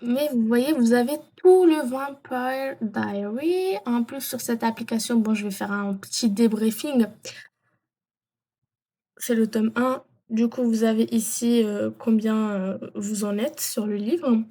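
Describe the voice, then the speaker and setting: A woman talks viewers through an app in an easygoing screen tutorial. Her voice sits a little high with a soft, mellow tone. She often stalls on fillers and corrects herself as she goes. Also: steady tone, measured pace. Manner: hesitant, many fillers and self-corrections. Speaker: vlogger.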